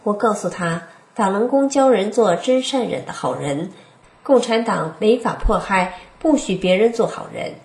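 A young woman reading her first-person testimony aloud in a steady, earnest manner. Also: mid-range voice, normal speed. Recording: roomy echoey room.

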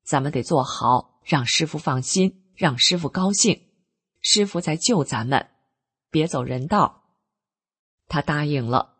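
A woman's voice: low-pitched, lively intonation, measured pace, pauses often, a bit bright, breathy edge. A middle-aged woman, earnestly telling her own story in plain spoken words. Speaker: narrator of a personal account. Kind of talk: first-person storytelling.

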